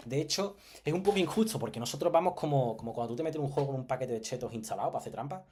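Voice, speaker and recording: A man with a Spain Spanish accent talks through a lesson in an easy, conversational way. His voice sits at an ordinary middle pitch, and he wanders into jokes and asides, regularly pausing to check the listeners are following. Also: expressive, a little mellow. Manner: chatty, jokey and digressive, with frequent "¿vale?" check-ins. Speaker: Japanese teacher. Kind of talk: casual online lesson presentation.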